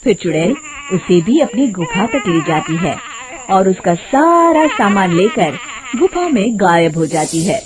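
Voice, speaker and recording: A woman's voice: medium pitch, darkish tone, a little hiss or hum. A woman narrating a scripted moral story for children.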